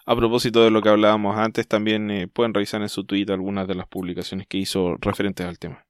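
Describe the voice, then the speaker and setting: A Chilean man with a lowish, smooth, resonant voice hosts a casual podcast chat. He talks in a thoughtful, hesitant way, trailing off and restarting mid-thought. The sound is dry and close. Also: little pitch movement, fast, dry recording. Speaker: podcast host.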